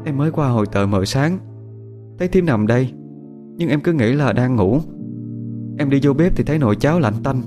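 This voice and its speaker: A man voicing a gentle, tearful young village woman in a soft, pleading, raised voice. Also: mid-range voice, steady tone, very fast, hardly any pauses, music in the background, voice pushed up, natural voice.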